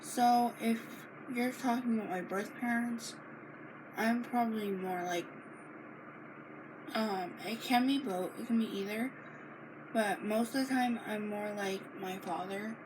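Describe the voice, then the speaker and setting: A young woman from Maine answering a list of personal questions in a casual sit-down video, reading each question aloud and pausing often with fillers and restarts. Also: fairly high pitch. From Maine, United States. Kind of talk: casual Q and A monologue. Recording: noisy home recording.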